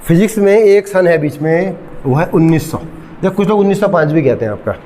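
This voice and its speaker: A man's voice: on the high side, animated, dark tone. Middle-aged male physics teacher in a reverberant classroom. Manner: asks students frequent check questions, mixes English terms; slow dictation of English definitions. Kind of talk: classroom lecture.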